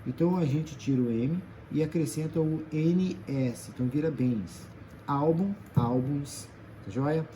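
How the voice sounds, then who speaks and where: A man's voice: fairly high pitch, measured pace, mellow, a little hiss or hum. A Brazilian man teaching a grammar lesson, patient, stretching out example words and checking in after each point. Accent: Brazilian Portuguese. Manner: patient, checks in often with tag questions. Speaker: Portuguese teacher.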